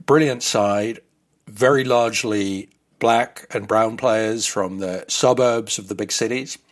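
A man's voice: lowish voice, takes it slowly. A man in his fifties who grew up in the Netherlands, explaining his views in a thoughtful way as an interview guest. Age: 50s.

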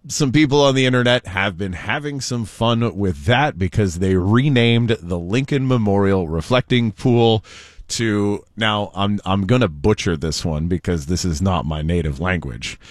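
A man with a voice on the low side comes through in clean studio sound with no room ambience. He's a talk show co-host who relays offbeat news in a loose, jokey, talkative way.

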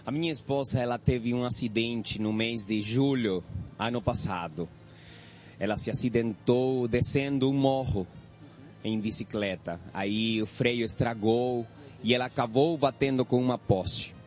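A Venezuelan man with a Spanish accent giving an earnest, measured church testimony in a radio interview. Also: medium pitch, darkish tone, faint music behind. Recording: dull lo-fi radio broadcast.

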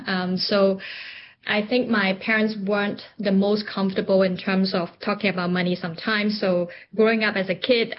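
A woman's voice: medium pitch, lo-fi sound, a little hiss or hum. A middle-aged woman from Hong Kong, an entrepreneur guest in an interview, speaking thoughtfully with frequent ums and restarts. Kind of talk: reflective interview conversation.

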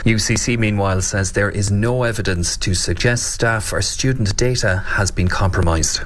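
A man's voice: on the low side, moderate pace, a bit bright. A man delivering a scripted radio news report.

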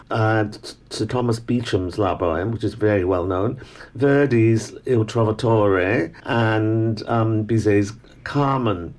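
An older Cantonese-speaking man with an educated Hong Kong English accent reminisces as a guest in a relaxed interview. His fairly low voice is thoughtful, with frequent restarts and soft little laughs.

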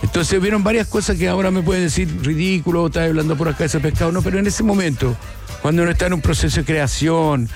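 A man's voice: on the high side, fast, darkish tone, faint music behind. A man in his forties with a Chilean accent, telling his story as a musician in a casual interview, rambling and reflective, restarting often. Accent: Chilean Spanish. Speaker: musician guest.

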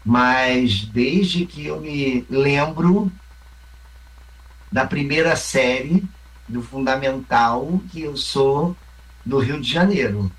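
A man from Rio Grande do Sul, Brazil, who speaks with a Carioca Brazilian Portuguese accent, gives interview answers in a reflective way, patiently laying out his ideas and supporting them with examples. He's a theatre company member and mime actor, with mid-range pitch and energy and a slow pace. The low-quality recording was made from a distance.

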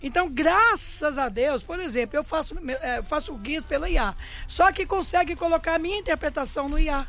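An older woman with a Brazilian Portuguese accent, a songwriter guest telling animated stories in a casual radio interview. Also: sits high, fairly quick. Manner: talkative, animated storyteller.

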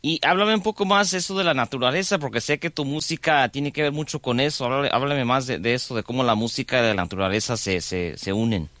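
A man's voice: medium pitch, fairly bright tone, no echo. Friendly radio host man, dry sound. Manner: friendly, halting, repeats words. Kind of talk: radio interview.

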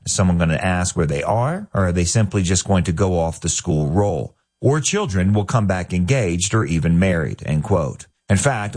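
A man hosting a daily radio commentary, measured and pointed, with rhetorical questions. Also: on the low side, a little mellow.

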